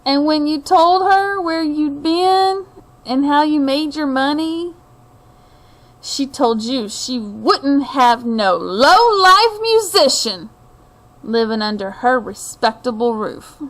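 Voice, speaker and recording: A middle-aged woman with a high-pitched, slightly bright voice reads a picture book aloud to children. She goes slowly and animatedly, telling the story expressively with deliberate phrasing while addressing her listeners directly.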